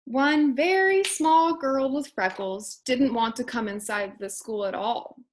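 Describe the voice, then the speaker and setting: A woman, a kindergarten teacher, reading a children's storybook aloud expressively and deliberately to young listeners. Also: a little high, slight background noise.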